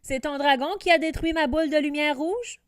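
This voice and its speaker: A woman's voice: high-pitched, fairly quick, no room sound, clean studio sound, voice pushed up, lightly acted. A woman voicing a mocking, sneering evil man wizard, in a storybook reading. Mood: taunting. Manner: mocking, taunting.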